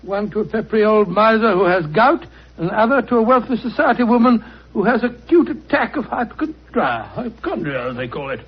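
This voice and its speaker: An actor playing a bluff, genial English gentleman doctor and loyal sidekick in a 1940s radio drama. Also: high voice, very animated, a little fast, breathy edge, exaggerated voice. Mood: blustery. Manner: blustery, genial. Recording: muffled vintage radio recording.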